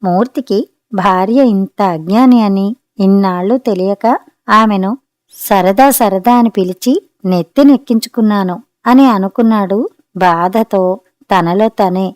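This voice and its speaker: A woman narrating a family story in a steady, gentle storytelling manner. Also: medium pitch, measured pace, no echo, studio quality. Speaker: audiobook narrator.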